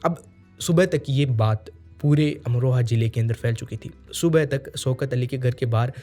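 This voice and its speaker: Earnest male true crime narrator, mellow voice. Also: mid-range voice, moderate pace, faint music behind. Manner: earnest, repeats phrases for emphasis. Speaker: true crime podcast host.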